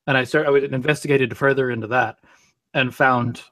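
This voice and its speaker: A man's voice: mid-range voice, fairly even intonation, fairly quick, fairly bright tone, no echo. A man in a casual online debate chat who talks bluntly and tersely, explaining his path from Christianity to paganism. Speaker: pagan guest in a debate hangout.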